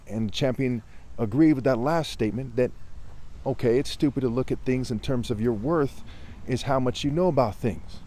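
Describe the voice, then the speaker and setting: A man narrates a parable off the cuff, earnest and rambling, pushing his voice up as the telling turns heated. His tone is dark and mellow and sits at a middling pitch. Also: moderate pace. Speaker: storyteller.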